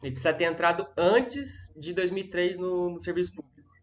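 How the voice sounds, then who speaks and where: A man's voice: high voice, brisk, background noise. A man moderating a live session, reading out viewer questions and giving brief acknowledgments between them.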